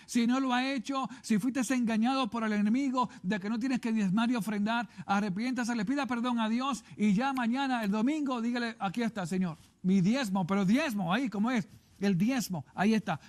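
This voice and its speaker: A man preaching a televised sermon as a pastor, emphatic and urgent, often repeating himself and urging listeners to read the scripture, with a Puerto Rican Spanish accent. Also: sits high.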